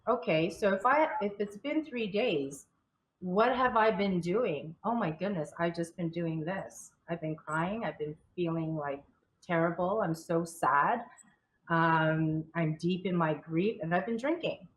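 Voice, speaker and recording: A woman's voice: fairly low pitch, a little slow, rough recording. A woman who coaches and channels, telling her personal story as an interview guest in a candid way, often repeating and restarting words.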